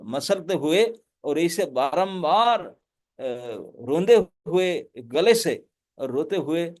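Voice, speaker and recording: A high-pitched male monk giving a devotional lecture. He tells the story in an animated way and breaks into laughter now and then. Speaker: monk and preacher.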